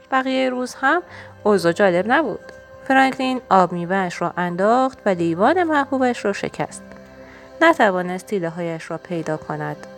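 A woman narrating a children's storybook in an expressive, storytelling way. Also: medium pitch, vocal fry. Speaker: storybook reader.

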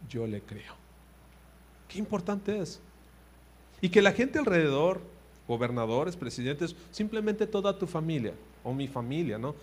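A man preaching a sermon, animated, swinging between loud emphasis and quiet asides and putting direct questions to his listeners. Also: on the high side, a little slow.

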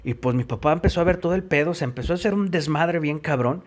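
A man with a Mexican accent and a slightly high voice recounts his own experience for an interview. He talks in a blunt, emphatic way, full of swearing. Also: quick pace. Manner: profane, emphatic storytelling. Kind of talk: personal testimony.

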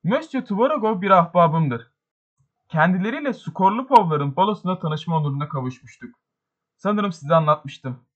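Bir adam, telaşla gevezelik eden genç bir sosyete hanımını seslendiriyor. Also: male voice, high-pitched, animated, normal speed, highs cut off. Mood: flustered. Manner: breathless, chattering excuses. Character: flustered young society lady.

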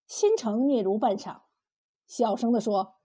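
A woman narrating a historical tale in a steady storytelling manner. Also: on the high side, unhurried, husky.

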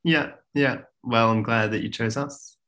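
A man's voice: medium pitch, steady tone, a little slow, bright, forceful tone. A man hosting a podcast interview, encouraging his guest with frequent mm-hmms and ums. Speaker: podcast host.

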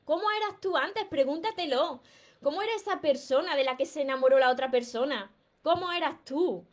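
A woman's voice: high-pitched, expressive, fairly quick. A woman with a Peninsular Spanish accent who hosts a live stream as a self-help author, giving emphatic, encouraging advice and greeting viewers by name.

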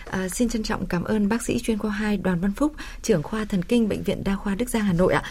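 A woman's voice: medium pitch, brisk, darkish tone, a little hiss or hum. A woman hosting a health radio programme, speaking politely as she interviews and addresses listeners. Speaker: radio health show host. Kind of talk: polite broadcast interviewing and sign-off.

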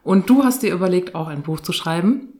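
Female podcast host, lower register, relaxed and friendly, home living-room setting. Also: brisk. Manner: relaxed, friendly, with frequent fillers and backchannel murmurs. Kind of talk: casual conversational interview.

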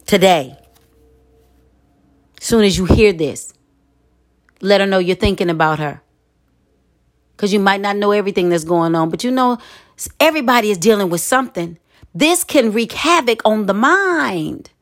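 Expressive woman preaching a sermon. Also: medium pitch, moderate pace, pauses often. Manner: expressive, conversational preaching with dramatic asides.

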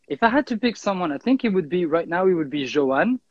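A man's voice: high-pitched, husky, dry recording, lo-fi sound. Chatty young Swiss man. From Switzerland. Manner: chatty, many fillers and restarts. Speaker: guest, freerunner and kendama player. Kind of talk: casual interview.

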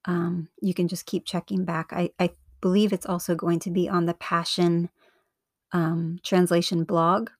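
A woman with a slightly low voice hosts a devotional podcast. She speaks right up close to the listener in an intimate, earnest and encouraging way, with a very dry sound free of room echo. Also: little pitch movement, unhurried. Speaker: podcast host. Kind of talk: devotional podcast talk and reading.

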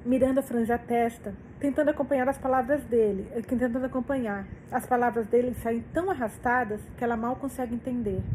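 A woman's voice: fairly high pitch, fairly even intonation, a little fast, hardly any pauses, darkish tone, a little hiss or hum, rough recording. A woman reading a novel aloud, reacting emotionally and swearing between passages. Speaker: book reader.

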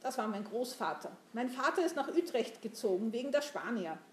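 A woman's voice: a little high, animated, brisk, a little hiss or hum, close to an everyday voice. A woman doing an eager teenage boy. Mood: earnest. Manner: pleading, earnest. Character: eager anxious teenage boy, small and poor. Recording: roomy echo.

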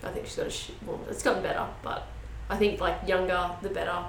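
A woman's voice: fairly low pitch, level tone, fast. Joking woman in an echoey room. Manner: joking, bantering, blunt. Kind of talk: casual chat. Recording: echoey room, faint background noise.

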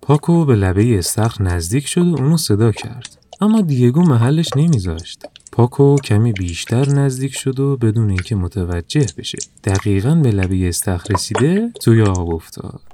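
A man narrating a children's story in a calm, even storytelling manner. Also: medium pitch, few pauses, slight background noise.

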